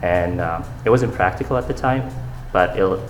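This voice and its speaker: Background noise and reverb surround a low-voiced young adult man from Saudi Arabia as he speaks at a normal pace. A fashion designer and interview guest, he answers questions in a casual, earnest manner, often using fillers and starting over.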